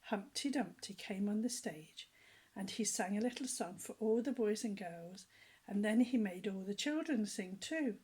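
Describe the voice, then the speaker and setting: Reading a children's storybook aloud with personal asides, an older woman speaks at normal speed in a soft, breathy, mid-range voice. She tells the story gently and lively, hushing to whispers at exciting moments and speaking directly to her small listeners with questions.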